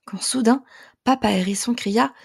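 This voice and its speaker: A woman narrating a children's storybook in a gentle, lilting way. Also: on the high side, moderate pace, vocal fry, breathy edge. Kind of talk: storybook reading.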